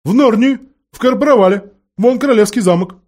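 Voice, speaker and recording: A man voicing a fussy, excitable female owl that hoots and exclaims. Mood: excited. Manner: high hooting exclamations, drawn-out words.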